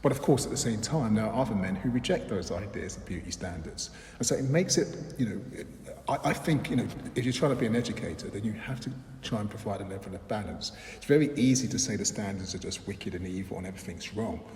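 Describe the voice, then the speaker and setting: A middle-aged man from London, a filmmaker and lecturer, speaks in a low, darkish voice as he thoughtfully answers interview questions. He's measured, often pausing on "um" and restarting. The hall he's in gives a roomy, long reverb with faint background noise.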